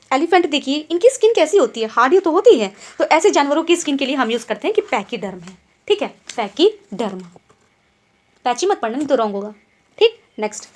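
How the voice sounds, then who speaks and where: A young woman teaching an online English vocabulary lesson, explaining in Hindi mixed with English words and checking in with her students after nearly every point. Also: high-pitched. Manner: keeps asking quiz questions and tag checks like "ठीक है?".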